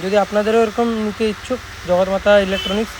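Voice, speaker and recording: Quick and high-pitched, the voice belongs to a young man from West Bengal, India, with a Bengali accent. As a channel host who repairs speakers, he gives a casual product showcase, talking informally and reassuringly while repeating points. The recording is amateur, with heavy, unchanging background noise.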